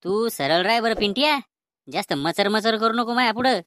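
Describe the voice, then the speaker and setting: A woman voicing a bossy, stubborn old grandfather in a cartoon comedy, speaking with a Vidarbha Marathi accent in a gruff, defiant, threatening way. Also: fairly high pitch, expressive, moderate pace, a bit bright, no room sound.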